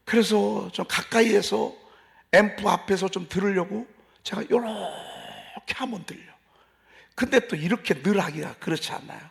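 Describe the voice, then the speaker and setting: A man's voice: high-pitched, moderate pace, vocal fry. A male pastor preaching a dawn service sermon in a folksy, emphatic way, repeating phrases and asking the congregation questions. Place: church sanctuary.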